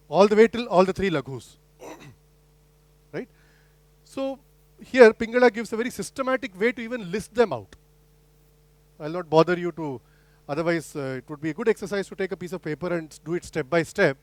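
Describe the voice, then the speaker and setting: A man's voice: high voice, no echo. A middle-aged man giving an academic lecture, explaining step by step with rhetorical questions and frequent restarts. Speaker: guest lecturer.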